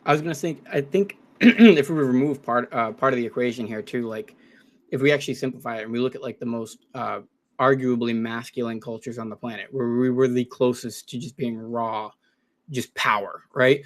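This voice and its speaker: A man's voice: medium pitch, brisk. A man in casual podcast talk, earnest and searching, often restarting his sentences. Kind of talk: casual discussion.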